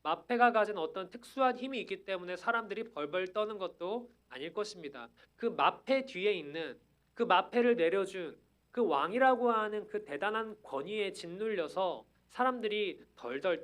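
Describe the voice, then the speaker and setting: A man's voice: high-pitched, expressive, normal speed, a bit bright. A man preaching a sermon, earnest, building up to emphatic declarations.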